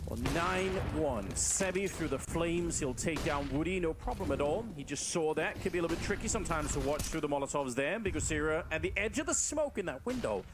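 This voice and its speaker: A man's voice: on the high side, lively intonation, a little fast, hardly any pauses. Male esports caster with game noise behind. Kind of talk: esports caster commentary, conversational play-by-play. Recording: clear game noise, clicks, gunfire.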